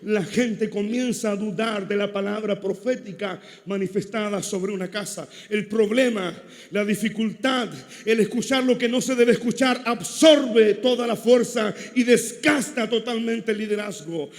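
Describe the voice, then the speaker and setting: A man with a Chilean Spanish accent preaching a sermon, swinging from loud shouting to hushed asides. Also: high-pitched, steady tone, measured pace. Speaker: pastor. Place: large church hall at a congress. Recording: long hall reverb.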